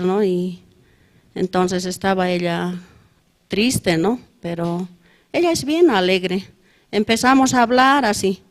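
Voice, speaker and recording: A middle-aged woman with a Bolivian Spanish accent, giving a testimony at a prayer service in a plain, conversational way and ending nearly every phrase with a questioning tag. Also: mid-range voice. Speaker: church member giving testimony.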